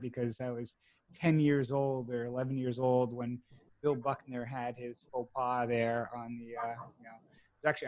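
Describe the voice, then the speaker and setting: Chatty host with a Boston accent. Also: male voice, mid-range voice, darkish tone, no room sound, highs cut off. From Massachusetts. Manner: chatty, rambling, many fillers. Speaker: podcast host. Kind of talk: casual interview.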